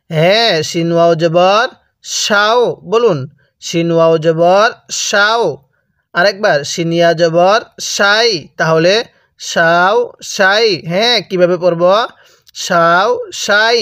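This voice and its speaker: A man with a Bangladeshi Bengali accent teaching Quran reading, drilling letter sounds slowly and asking the listener to repeat after him. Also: sits high, no echo, studio quality. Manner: repetitive call-and-response drilling, prompting the viewer to repeat. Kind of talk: slow drill-style recitation lesson.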